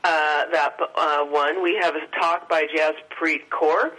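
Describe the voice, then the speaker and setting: A woman talking over the phone as an event organizer, pausing often with filler sounds. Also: sits low, fairly even intonation, a bit bright, rough recording. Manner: hesitant, many filler sounds. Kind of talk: phone-in interview.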